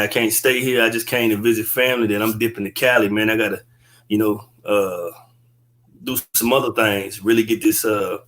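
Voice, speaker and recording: A man's voice: medium pitch, fairly bright tone. Laid-back man on a video call. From Texas. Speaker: guest comedian. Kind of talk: casual interview chat. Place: indoor room. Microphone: webcam on a video call.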